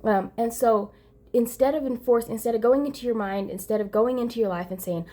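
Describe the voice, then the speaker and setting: A woman's voice: fairly high pitch, fairly quick, mellow. A woman giving an earnest, emphatic self-help monologue, often repeating phrases and restarting her sentences. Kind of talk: motivational monologue to camera.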